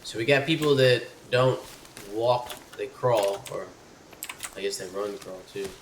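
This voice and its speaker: Man, live gameplay streamer, excitable, swears when startled, roomy echo, sits back from the mic, noisy background. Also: lowish voice, measured pace, far from the mic. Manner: excitable, yelps and swears at sudden scares; chats to an in-game companion. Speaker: gaming streamer. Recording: echoey room, off-mic, noisy.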